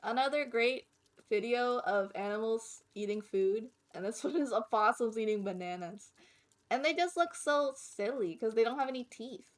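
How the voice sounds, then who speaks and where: A woman streamer giving casual reaction commentary in a cute, gushing anime-streamer manner. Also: on the high side. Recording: music behind the voice. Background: background music.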